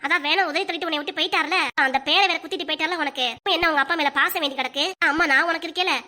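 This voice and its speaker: Woman voicing a sharp-tongued village mother. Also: high-pitched, steady tone. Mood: scolding. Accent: Kanyakumari Tamil. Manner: scolding, rapid village talk.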